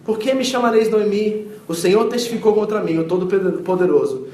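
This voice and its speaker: A man preaching a sermon as pastor, telling the story with lively acted-out quotes and swings between loud and hushed. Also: high voice, a little fast. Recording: echoey hall miked from a distance.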